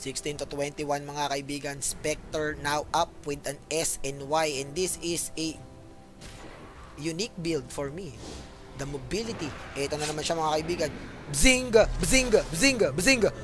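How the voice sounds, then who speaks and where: A man with a Filipino accent giving animated esports play-by-play, switching between Tagalog and English and addressing viewers directly. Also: a little high, a little slow, music in the background. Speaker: esports commentator. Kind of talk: live esports play-by-play commentary.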